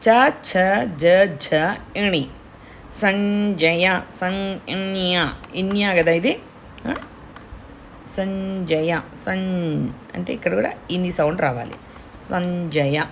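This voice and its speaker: A woman teaching pronunciation, drawing out syllables slowly to demonstrate them. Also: medium pitch, vocal fry, slight background noise. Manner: slow demonstrative enunciation of syllables. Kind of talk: pronunciation lesson.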